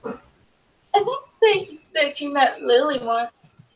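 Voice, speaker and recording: A woman chats her way through a tabletop game in a rambling manner. Her voice is high, and the audio is slightly dull. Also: animated, slow. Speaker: player.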